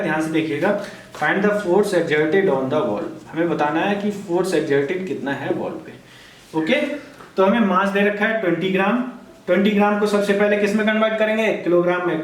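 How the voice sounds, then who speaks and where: Man, physics teacher, high-pitched, repeats his own questions, drawn-out reading of problems, roomy echo. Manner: asks questions and answers them himself, repeats key steps; reads problem text slowly and word by word. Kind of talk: board lesson. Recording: echoey room, somewhat far from mic.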